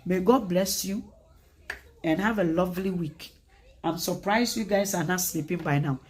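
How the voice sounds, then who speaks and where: A woman with a Ghanaian accent, hosting a casual livestream chat in an animated way, switching between English and Twi. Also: on the low side, moderate pace, breathy edge. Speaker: livestream host.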